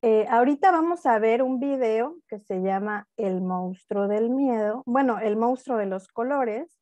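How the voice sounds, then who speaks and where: A woman's voice: a little high, lively intonation, measured pace, mellow, no echo, lo-fi sound. Woman giving an online lecture. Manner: explanatory, asks frequent tag questions. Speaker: speaker at a university talk. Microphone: video call.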